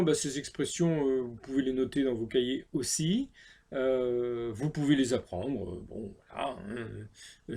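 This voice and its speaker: A man teaching English slang in a patient, casual lesson with a French accent, repeating each phrase slowly. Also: medium pitch, vocal fry, a little mellow, husky.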